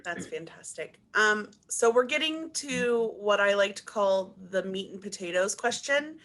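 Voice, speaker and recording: A woman's voice: medium pitch, lively intonation, a little slow, a bit bright, slight background noise. Encouraging woman panel moderator.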